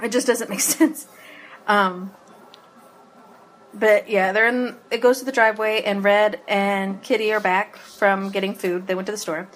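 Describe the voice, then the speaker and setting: A woman's voice: medium pitch, fairly even intonation, measured pace. A woman co-hosting a casual podcast chat, recapping an episode with frequent laughs and ums. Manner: laughs often, many ums and restarts; eating while talking.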